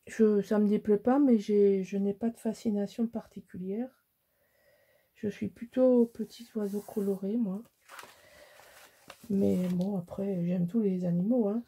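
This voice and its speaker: Middle-aged woman from Alsace, dark husky voice, chatty self-mocking craft tutorial host. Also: medium pitch, fairly even intonation, a little slow. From Alsace, France. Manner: rambling, self-mocking, many restarts. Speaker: scrapbooking crafter. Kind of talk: casual crafting tutorial chat.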